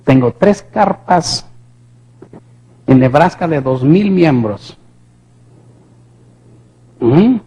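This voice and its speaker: A man preaching his testimony as a sermon, impassioned, swinging from hushed to shouting and asking the congregation questions. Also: a little high, animated, very slow, pauses often, breathy edge.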